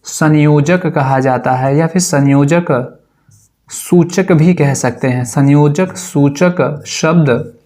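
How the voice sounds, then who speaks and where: A male teacher giving a grammar lesson, asking rhetorical questions and answering them himself, repeating key words slowly. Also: on the high side, a little mellow. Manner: repeats each word slowly and deliberately. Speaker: English teacher.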